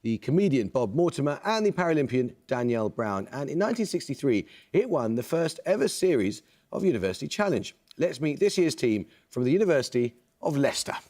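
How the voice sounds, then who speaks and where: A man hosting a quiz show, reading questions in a crisp, measured, authoritative way. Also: medium pitch, very animated, darkish tone.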